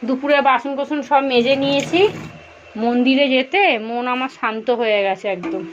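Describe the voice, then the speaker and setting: A woman's voice: high voice, steady tone, moderate pace, highs cut off, a little hiss or hum. A woman, chatting directly to viewers in a casual home vlog from her kitchen. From India. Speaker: vlogger.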